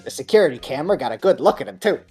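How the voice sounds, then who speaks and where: A woman voicing a gruff old studio security guard with a drawling, slangy, gangster-ish way of talking. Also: low voice, animated, rapid-fire, darkish tone, faint music behind, heavily acted. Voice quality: strained, gravelly put-on voice.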